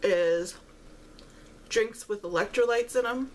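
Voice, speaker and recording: A woman chatting casually while eating, chewing as she talks and pausing often between phrases. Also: a little high, slight background noise. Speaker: vlogger eating on camera while talking. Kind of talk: casual mukbang-style chat.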